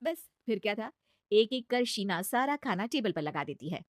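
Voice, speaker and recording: A woman narrating a cartoon moral story in a brisk, scripted way. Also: mid-range voice, big pitch swings, no echo, clean studio sound.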